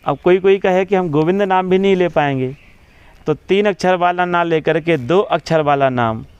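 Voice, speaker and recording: Man, religious preacher, fairly high voice, smooth resonant tone, measured devotional talk, slows for verses. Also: dry recording, muffled recording. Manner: repeats key phrases with "है ना". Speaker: religious preacher giving an interview. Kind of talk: devotional explanation in a press talk.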